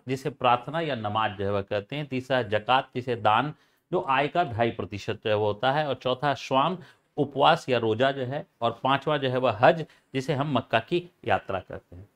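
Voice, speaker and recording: A man explaining a topic for a channel, halting and full of filler phrases and repeats. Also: medium pitch, fairly bright tone. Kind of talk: informal educational explanation.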